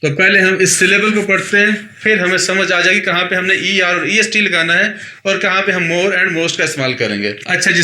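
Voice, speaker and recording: A man's voice: high-pitched, sharp tone. A man with a Pakistani Urdu accent teaching an English grammar lesson, patiently repeating points and checking that his students follow. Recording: echoey room with faint noise.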